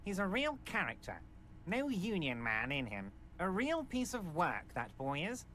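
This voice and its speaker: A smarmy, falsely cheery union boss. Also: male voice, high-pitched, measured pace, a little hiss or hum, full character voice. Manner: smarmy, falsely reassuring, lively swoops. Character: jovial, manipulative, huge male union boss. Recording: game music behind.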